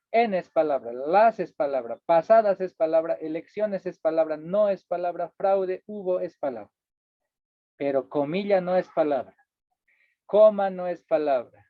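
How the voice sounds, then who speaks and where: Bolivian guy lecturing over slides, kinda high voice, tinny phone-ish audio, dry. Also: dry recording. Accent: Bolivian Spanish. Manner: explanatory, checks in often with "¿ya?" and "¿no?". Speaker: workshop instructor.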